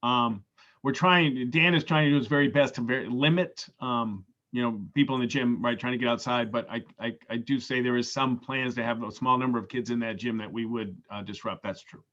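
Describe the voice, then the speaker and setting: School official guy at a meeting, midrange voice, halting answers, bit muffled. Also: medium pitch, a bit bright. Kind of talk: public meeting discussion.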